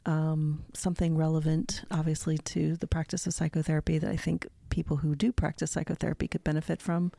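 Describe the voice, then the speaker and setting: Mellow woman podcast cohost, lots of fry, dry and organized, close dry sound, casual chat. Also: sits low, level tone, brisk, hardly any pauses, dry recording. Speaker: podcast co-host, psychotherapist. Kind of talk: casual discussion.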